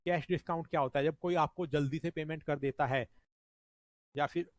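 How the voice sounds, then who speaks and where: A man's voice: fairly high pitch, fairly even intonation, brisk, no room sound. Guy teaching accounts, walks thru it step by step, dry close sound. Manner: explains step by step, often adds "ठीक है जी". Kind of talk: revision lecture.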